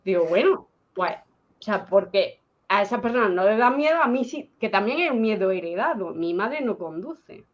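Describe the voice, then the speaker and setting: A woman's voice: medium pitch, expressive, normal speed. A woman with a Spanish accent from Spain, chatting about a personal experience on a video call, talking with many fillers and restarts. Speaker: guest. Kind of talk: personal story in casual chat. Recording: dull lo-fi call audio.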